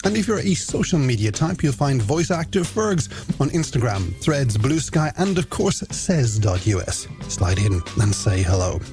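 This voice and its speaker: An Irish radio host presents a late-night music show from the studio, chatting companionably with listeners through scripted links. His mid-range voice is very animated, moving at a moderate pace over a music bed.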